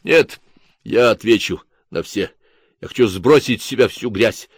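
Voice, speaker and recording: A man's voice: fairly low pitch, a little slow, no room sound, clean studio sound. A man voicing an agitated male artist confessing and justifying himself in a radio interview. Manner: agitated, self-justifying, emphatic.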